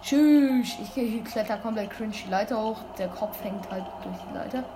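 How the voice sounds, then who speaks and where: A woman giving casual gameplay commentary, excitable and full of youthful slang, breaking into sudden loud exclamations. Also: a little high, normal speed. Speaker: let's play gamer. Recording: constant background noise.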